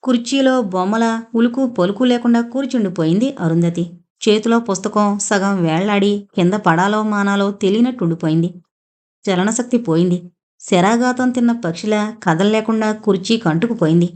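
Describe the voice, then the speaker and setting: Casting: a woman audiobook narrator with a calm, even telling of a family novel. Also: mid-range voice, normal speed. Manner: calm, steady storytelling.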